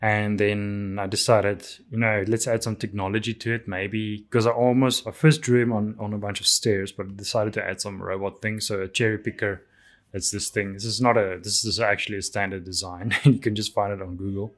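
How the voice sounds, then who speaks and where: An artist whose first language is Afrikaans talks casually over his drawings while reviewing them, with many ums and restarts. His voice is on the low side, level in tone and fairly quick.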